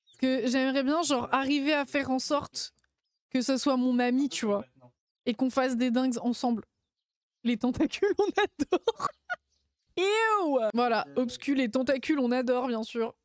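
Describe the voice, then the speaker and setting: A woman's voice: sits high, little pitch movement, moderate pace, a little mellow. A woman streamer chatting casually and playfully, laughing often and using lots of slang. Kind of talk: casual live-stream chat.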